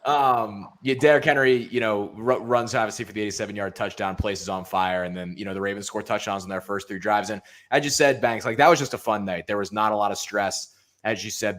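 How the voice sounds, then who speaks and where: A man hosting a sports podcast in casual chat, relaxed and filling gaps with ums before he passes the talk to his co-hosts. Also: on the low side. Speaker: podcast host.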